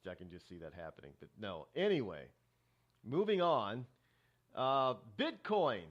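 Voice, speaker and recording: A middle-aged man hosting a talk show, rambling through a casual monologue with many restarts and fillers. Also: mid-range voice.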